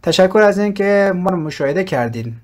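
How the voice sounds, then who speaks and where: A man's voice: sits high, lively intonation. Persian-speaking man walking through a website. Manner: explanatory, with fillers and pauses. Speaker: website presenter. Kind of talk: screen-recorded software walkthrough.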